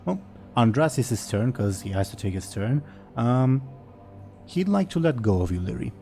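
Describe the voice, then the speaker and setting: A man acts as game master, narrating casually and improvising haltingly. His voice is mellow and mid-pitched, with music audible behind it. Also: sing-song, gravelly.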